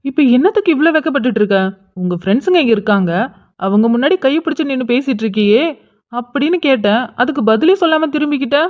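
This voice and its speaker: A woman's voice: sits high, lively intonation, quick pace, pitched below the performer's own voice. Woman doing a teasing college senior boy. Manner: playful, teasing. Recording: dull lo-fi sound.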